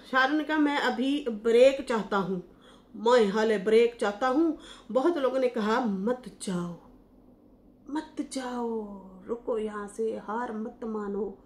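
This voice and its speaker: A woman's voice: on the high side, reverberant. A woman from Pakistan, giving casual, gossipy reaction commentary with many fillers and restarts. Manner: chatty and gossipy, often pauses with fillers and restarts. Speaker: YouTube commentator.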